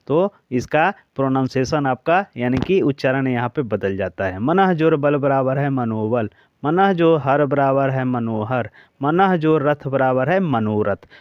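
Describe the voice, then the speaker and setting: A man's voice: medium pitch, clean tone, no room sound, highs cut off. A man with a Bihari Hindi accent, teaching an exam-prep grammar lesson who drills examples one after another and checks in with his listeners. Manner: repeats examples in a steady drill, checking in with the class.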